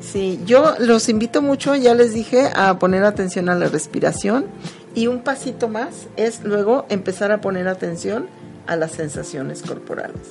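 Woman hosting, gentle and explaining, kinda gravelly voice, music behind. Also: medium pitch, moderate pace. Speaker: host. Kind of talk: live talk on body awareness.

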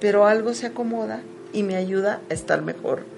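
Gentle woman with a gravelly voice. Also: mid-range voice, brisk, background noise. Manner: gentle, explanatory, reflective. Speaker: host. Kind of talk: live talk on body awareness. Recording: music playing behind.

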